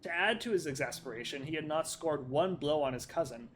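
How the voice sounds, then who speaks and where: A man's voice: fairly high pitch, fairly quick, a bit bright, slight background noise. A man hosting a let's play, reading an in-game book aloud in a casual way, laughing and swearing at his slips.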